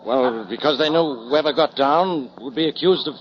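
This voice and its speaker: An actor playing a gruff, easily baffled police inspector who blusters, in 1940s radio detective drama style. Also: male voice, mid-range voice, moderate pace, lightly acted. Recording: dull lo-fi 1940s radio broadcast recording.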